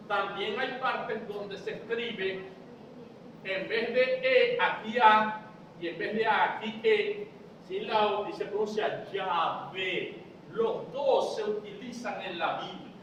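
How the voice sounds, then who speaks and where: High-voiced preacher teaching, echoey hall. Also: male voice, fairly bright tone, recorded from a distance, highs cut off, a little hiss or hum. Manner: explains step by step, asks the audience if they follow. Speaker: preacher teaching a Bible study. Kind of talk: church Bible study lesson. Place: church hall. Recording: echoey church hall, voice from afar.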